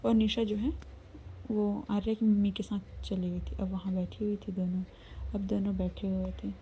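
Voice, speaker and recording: Gravelly dark-voiced woman storyteller. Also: mid-range voice, flat delivery, moderate pace, dull audio, slight background noise. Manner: soft, often half-whispered storytelling. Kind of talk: serialized love story narration.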